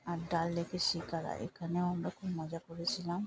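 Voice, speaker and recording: A woman casually narrating a photo recap of her year's travels in a plain, unhurried way, speaking to viewers as friends. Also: lowish voice, monotone. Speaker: travel vlogger. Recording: voice-over with clear background noise.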